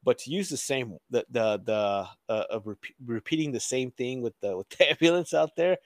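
A man's voice: mid-range voice, expressive, moderate pace, no echo. A man co-hosting a casual sports podcast, swearing freely, laughing often and restarting his sentences. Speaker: podcast co-host.

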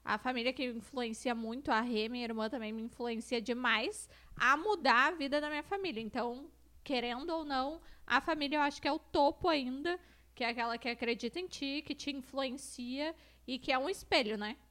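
A woman with a southern Brazilian gaúcho accent, a relaxed guest in a casual chat. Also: high-pitched, fairly quick. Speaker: guest, influencer.

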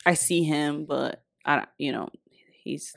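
A young woman co-hosting a podcast, talking casually and hesitantly, often pausing and restarting. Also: deep voice, creaky, dry recording, studio quality. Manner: hesitant, full of restarts and fillers. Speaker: podcast co-host. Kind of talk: casual chat.

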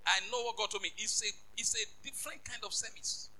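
High, bright-voiced preacher. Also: male voice, steady tone, quick pace, rough recording. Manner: emphatic, repetitive, rising to shouts. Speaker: bishop preaching. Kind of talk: sermon.

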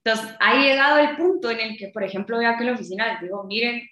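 A woman's voice: on the high side, quick pace, sharp tone. Chatty Guatemalan woman in an echoey room. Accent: Guatemalan Spanish. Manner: chatty, tags phrases with "¿va?" and laughs often. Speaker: podcast co-host. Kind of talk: casual chat.

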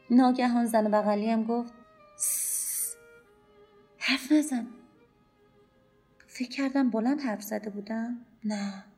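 A woman narrating a short story for a podcast, calm, measured and introspective. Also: fairly high pitch. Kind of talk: scripted audiobook narration. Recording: faint music bed under voice.

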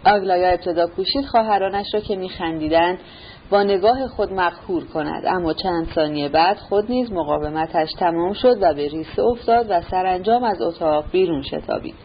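Woman reading a novel aloud. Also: fairly low pitch. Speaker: audiobook narrator. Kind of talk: literary audiobook reading. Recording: muffled recording with faint hiss.

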